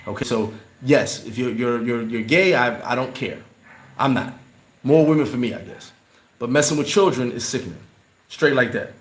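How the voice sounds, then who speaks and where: A man chatting casually on a livestream, reading and answering his viewers. He talks in a loose, rambling way, often restarting and repeating words. His mid-pitched voice carries a noticeable roomy echo. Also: moderate pace. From New York. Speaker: livestream host answering chat.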